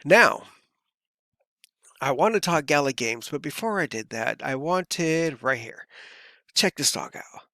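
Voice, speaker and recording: Easygoing vlogger dude, gravelly kinda worn voice, lots of um and you know, dry close sound. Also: male voice, on the high side, animated, measured pace, pauses often, pushed and bright, no room sound. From California. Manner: rambling, easygoing, lots of fillers. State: voice feels worn. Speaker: crypto vlogger. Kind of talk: casual chat to camera.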